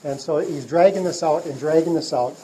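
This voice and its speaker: A middle-aged man giving a speech to a trade group, telling stories in a halting way with many fillers and restarts. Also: fairly high pitch, mellow, a little hiss or hum, low-quality recording. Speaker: speaker addressing a trade group. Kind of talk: public speech with storytelling.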